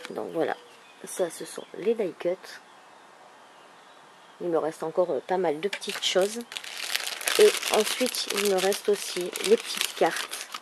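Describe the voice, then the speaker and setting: A woman with a thick, swollen-tonsils sore-throat voice, speaking softly and casually as she presents a craft project. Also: lowish voice, a little slow, long pauses. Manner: soft-spoken, holding back volume. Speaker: craft video maker presenting an album. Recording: clearly noisy background ambience.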